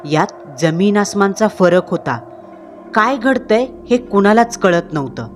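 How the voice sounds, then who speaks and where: A woman narrates a horror story with dramatic, suspenseful delivery. Her voice sits in the middle of a woman's range, and faint music runs under the narration. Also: medium pitch.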